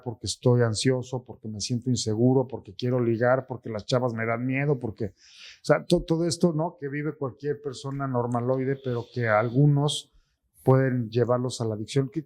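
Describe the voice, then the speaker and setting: A man's voice: medium pitch, steady tone, moderate pace, a little mellow. A man hosting an interview, asking long probing questions that often end with a tag question. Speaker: interview host. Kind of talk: conversational interview.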